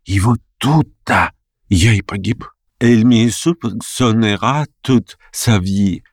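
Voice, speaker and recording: A man's voice: on the low side, takes it slowly, slightly rough, no echo, studio quality, full character voice. A man voicing a frightened, melodramatic aging scholar who pleads and whispers in fear, slipping into French. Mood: despairing.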